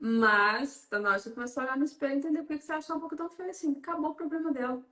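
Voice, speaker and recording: Woman guest on a faith talk, lively storyteller acting out dialogue, high voice, roomy sound. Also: rapid-fire. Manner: animated storyteller, acts out dialogue. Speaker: psychoanalyst guest. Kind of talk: casual faith-based talk.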